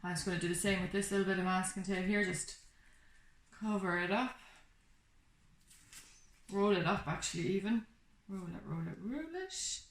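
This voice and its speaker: Pausing often, this craft workshop instructor talks through each step of a hands-on project in an informal, reassuring manner. She speaks at a moderate pace in a mid-range voice, recorded in an echoey room full of background noise and clicking.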